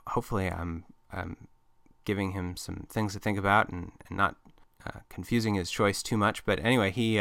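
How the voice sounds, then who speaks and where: A male podcast host talks casually into a close mic, musing and thinking aloud. His voice sits on the low side but sounds bright and forceful, with a smooth, crisp clarity. The sound is dry, with no room echo.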